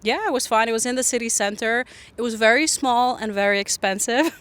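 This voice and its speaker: Sitting on an outdoor harbourside bench, a young woman from Finland who speaks Finnish natively is a guest in a casual podcast interview. Her voice is a little high and a little fast, fairly bright, clear and resonant, and she laughs a lot while peppering her talk with "like."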